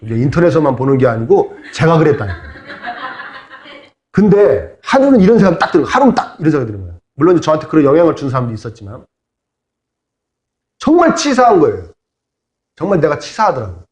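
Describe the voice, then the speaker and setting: A man's voice: a little high, wildly swooping pitch, fast talker, pauses often, a little mellow. A middle-aged man preaching as a pastor, in a conversational sermon with humorous asides. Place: church sanctuary. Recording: echoey church hall.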